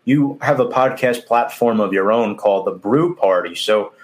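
Low-pitched New sports host. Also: male voice, normal speed. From Queens, New York City. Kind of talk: live sports talk show hosting.

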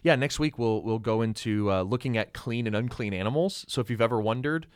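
A man's voice: medium pitch, a little fast, smooth, no room sound, studio quality. A man co-hosting a podcast, chatting casually through a Bible passage and thinking aloud with fillers. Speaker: podcast co-host. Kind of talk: casual Bible study chat.

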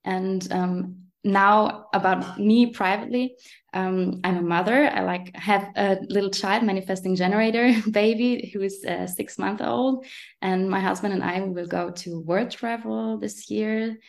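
A woman in her late twenties from Germany with a German accent, speaking English as a second language as a guest coach in a casual podcast interview, soft-spoken and pausing to find her words. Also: mid-range voice, steady tone, gravelly. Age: late 20s. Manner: soft-spoken, pauses and restarts while searching for English words.

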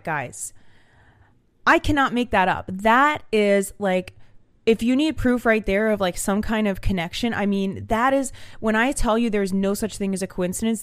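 A young woman talks straight to her camera from a small room at home, telling a story in a chatty, animated way full of fillers. Her voice sits at a middling pitch, and the sound is close and dry with no room echo. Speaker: vlogger. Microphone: camera mic.

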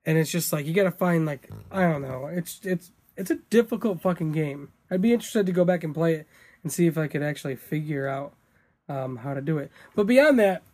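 A young man with a noticeably high voice co-hosts a casual podcast chat. He rambles through his stories, leans on fillers, and swears offhandedly. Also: darkish tone. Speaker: podcast co-host.

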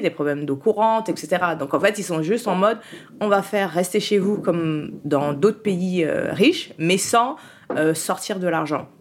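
Thoughtful woman in her thirties. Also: sits low. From France. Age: 30s. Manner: thoughtful, explains at length with frequent pauses. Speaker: guest, author and activist. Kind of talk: podcast interview.

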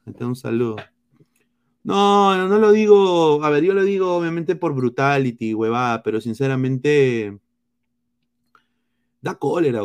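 A man's voice: mid-range voice, a little mellow. A man with a Peruvian Spanish accent hosting casual football talk, blunt and heated, full of crude slang.

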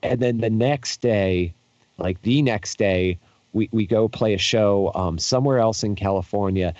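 A man's voice: fairly low pitch, measured pace, a little mellow, no echo, dull audio. A young man in casual chat, telling tour stories in a rambling, profane way with lots of fillers and restarts. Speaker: podcast guest, touring musician.

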